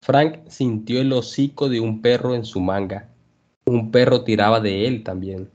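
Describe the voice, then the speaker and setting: A male language teacher reading a story aloud for learners, clear and measured. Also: medium pitch, steady tone, darkish tone. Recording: dull lo-fi podcast audio.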